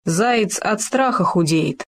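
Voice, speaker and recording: A woman's voice: mid-range voice, animated, moderate pace, lightly acted. A woman voicing a bold male hedgehog in a storybook, speaking bluntly and cockily. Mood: cocky. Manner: gruff, blunt, cocky.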